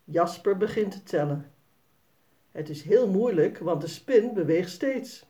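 A woman reading a children's story aloud in a slow, expressive way. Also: lowish voice.

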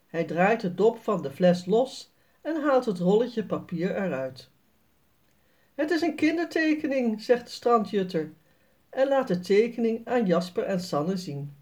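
A woman reading a children's story aloud, slowly and clearly. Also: medium pitch, expressive, darkish tone.

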